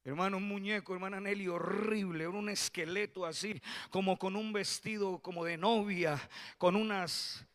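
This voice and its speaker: A man preaching a fervent sermon as a pastor, building from quiet storytelling to shouted proclamations. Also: sits high, steady tone, moderate pace.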